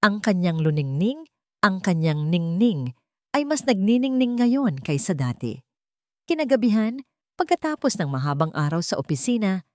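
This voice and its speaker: Speaking in a mid-range voice, this Filipino storyteller reads a romantic drama script for her online channel with heartfelt, sentimental sincerity. The audio is dry and of studio quality.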